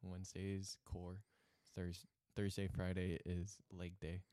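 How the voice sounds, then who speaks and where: A man's voice: low voice, monotone, unhurried, dark tone, no echo. A young man co-hosting a podcast in casual chat, playful and laughing often. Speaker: podcast co-host.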